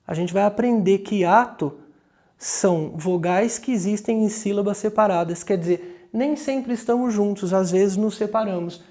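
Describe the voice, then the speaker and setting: A man whose mellow voice sits high gives a grammar lesson in a Brazilian Portuguese accent. He checks in with the class throughout, moving slowly and deliberately and drawing out example words syllable by syllable.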